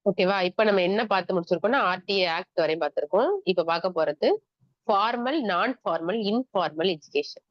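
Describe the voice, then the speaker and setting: A woman with a Tamil accent teaches an online exam-prep lecture, explaining step by step, asking the class questions and mixing English terms into her Tamil. Her lowish voice moves fairly quickly, in a dry, muffled lo-fi recording with no echo.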